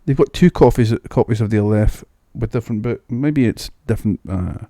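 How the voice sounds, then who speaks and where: Casual gameplay commentary from a Scottish streamer whose mellow voice sits on the low side and moves briskly. He's chatty, muses aloud at what he sees, and often restarts words, all captured cleanly on a new studio mic with no echo.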